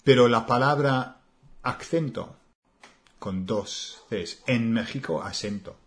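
A man with an English accent speaking Spanish, co-hosting a relaxed language lesson, slow and hesitant with many fillers. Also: medium pitch. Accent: English learner speaking Spanish. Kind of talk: casual conversational lesson.

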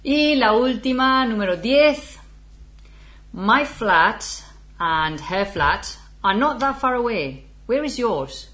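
A woman's voice: medium pitch, big pitch swings, slow pace, a bit bright, a little hiss or hum. A woman, teaching a casual lesson and chatting as she goes. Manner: chatty, laughs often, switches between Spanish and English. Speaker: Spanish teacher.

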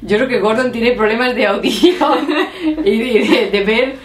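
A woman's voice: fairly high pitch, a little slow. Chatty woman in a roomy space. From Spain. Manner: chatty, laughing storyteller. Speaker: vlogger. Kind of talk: casual chat. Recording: roomy echo.

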